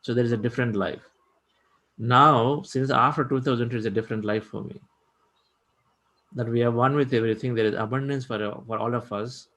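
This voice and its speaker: A middle-aged man hosts an online meditation session, his voice at an ordinary pitch. He speaks reflectively and encouragingly, circling back on his phrases as he goes. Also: fairly even intonation, brisk, a bit bright, rough recording. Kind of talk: spiritual talk and hosting.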